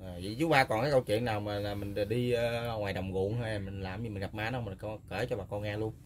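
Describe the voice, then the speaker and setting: A man hosting a casual interview and prompting with quick questions. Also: lowish voice, fairly even intonation, slight background noise. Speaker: host.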